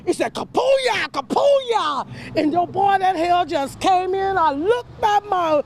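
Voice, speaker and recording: A man giving an eyewitness account as animated, casual storytelling. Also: extremely high pitch, measured pace, slight background noise. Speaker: eyewitness interviewee.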